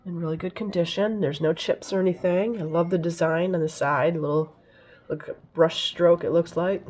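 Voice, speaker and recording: A woman with a raspy, hoarse voice from a head cold, chatting casually as she shows off her thrift finds, often pausing to search for words. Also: lowish voice, fairly even intonation, a little mellow. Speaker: vlogger showing thrift finds. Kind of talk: casual haul show-and-tell.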